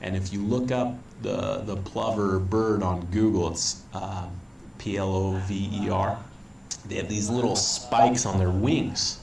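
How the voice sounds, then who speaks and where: A man's voice: on the low side, fairly even intonation, measured pace, gravelly, darkish tone. An American man telling a travel story in an easygoing, storytelling way, with frequent ums. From United States. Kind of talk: casual travel advice video. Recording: roomy, distant, faint background noise.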